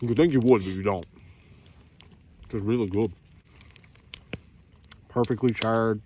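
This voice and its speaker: By a river in the snow, a young Newfoundland man fishes and talks eagerly to his audience on a handheld camera. He has a lowish, slightly mellow voice and a measured pace, recorded close on a phone or action camera with a bit of background noise.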